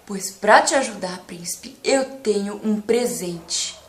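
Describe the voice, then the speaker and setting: A woman voicing a distressed male lion, the king of the jungle, speaking dramatically and wailing up high. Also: slow pace, lightly acted. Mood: solemn. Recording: echoey room.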